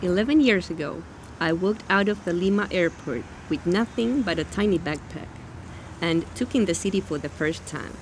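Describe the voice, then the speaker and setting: A woman from Finland reading a scripted documentary narration as a reporter, calm and measured. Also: on the low side, slight background noise.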